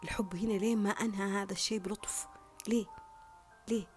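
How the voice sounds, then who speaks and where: A woman's voice: mid-range voice, steady tone, fast talker, darkish tone, faint music behind. A woman gives an earnest, emphatic monologue, repeating her points and often dropping to a whisper. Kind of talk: reflective monologue on love and relationships.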